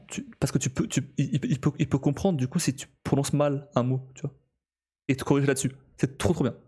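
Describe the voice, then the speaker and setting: A male streamer in casual live-stream chat, talking in a halting way with many restarts and frequent laughs. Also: medium pitch, warm tone.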